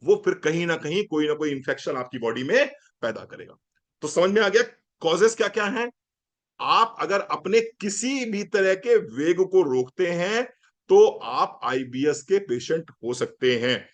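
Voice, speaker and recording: A man's voice: a little high, lively intonation, measured pace. A man with an Indian accent, a doctor giving a humorous, conversational health lecture and often asking his listeners questions. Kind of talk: lively health lecture to an audience.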